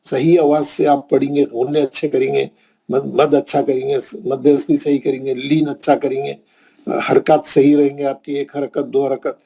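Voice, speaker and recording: With a flat delivery at normal speed, this man's mid-range voice is mellow, with vocal fry and a breathy edge. He's from India, speaks with a Hyderabadi Urdu accent, and patiently teaches a Quran recitation classroom lesson, repeating points and checking on his students.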